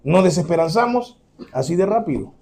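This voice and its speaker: Man preaching, gravelly voice, mellow tone, lively delivery. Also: sits high, normal speed, slight background noise. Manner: animated preaching, dramatic re-enactment, chuckles. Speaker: pastor. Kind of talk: sermon.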